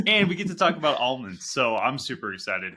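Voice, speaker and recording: Bright, playful male podcast host. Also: mid-range voice, sing-song, fairly quick. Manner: playful, joking. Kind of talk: casual podcast interview.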